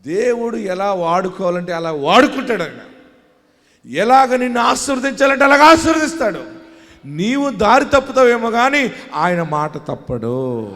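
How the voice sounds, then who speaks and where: Male pastor preaching, raised pitch, rallies the congregation, recorded in an echoing hall. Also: sing-song, moderate pace. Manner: swings from quiet talk to loud shouting; calls on the congregation to shout hallelujah. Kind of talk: sermon. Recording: long hall reverb.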